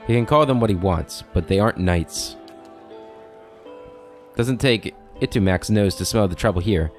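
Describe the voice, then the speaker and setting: A man's voice: fairly low pitch, normal speed, soft background music, natural voice. A man reading a disapproving male blacksmith's game dialogue aloud, plainly and with stumbles. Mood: grumbling.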